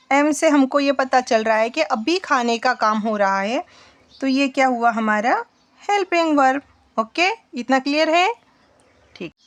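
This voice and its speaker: A woman's voice: sits high, a bit bright. A woman teaching a spoken English lesson in Hindi, patiently quizzing her students as she goes. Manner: slow, patient, asks the class questions.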